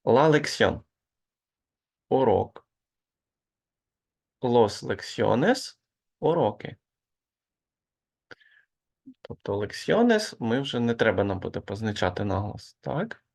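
Slow, gravelly male language teacher. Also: medium pitch, very animated, darkish tone. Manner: slow, patient explaining with hesitant fillers. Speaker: Spanish teacher. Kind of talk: online grammar lesson.

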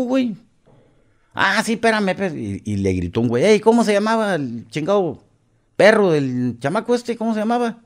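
Speaking with a Mexican accent, a middle-aged man from Mexico guests on a podcast and relates a story in crude, casual slang, performing the other people's voices. His pitch is medium and his tone darkish.

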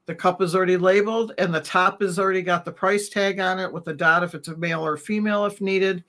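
A middle-aged woman on a video call from home, calmly explaining her routine step by step as an interview guest. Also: on the low side, fast. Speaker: reptile vendor guest. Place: home room. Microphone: webcam on a video call.

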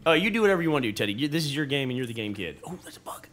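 A man's voice: mid-range voice, big pitch swings, rapid-fire, a bit bright, a little hiss or hum. A man co-hosting a kids' gameplay show, chatting casually with his son as they play. He is curious and playful, asks lots of questions and cheers his son on.

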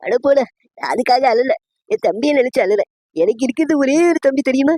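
A woman's voice: a little high, normal speed, a little mellow, husky, no echo. A woman voicing a crying mother in a cartoon family skit, plaintive and sobbing as she grieves over her brother. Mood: tearful. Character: tearful mother missing her estranged brother.

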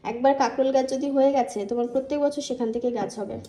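Hoarse woman vlogging in an echoey room. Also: high voice, steady tone, very fast, mellow. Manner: chatty, addresses viewers as friends. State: hoarse from a sore throat. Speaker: lifestyle vlogger. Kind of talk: casual vlog chat to viewers.

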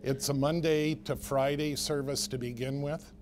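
A man, giving measured, halting interview answers as a company spokesman. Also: on the high side, steady tone, darkish tone, soft background music. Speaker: airline spokesman. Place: indoor press room.

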